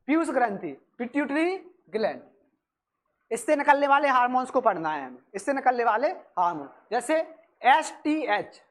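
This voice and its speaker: A woman teaching a coaching class, asking questions and answering them herself while repeating key terms. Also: sits high. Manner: repeats key terms, brisk and chatty with students. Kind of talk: classroom lecture for exam prep. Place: classroom with students.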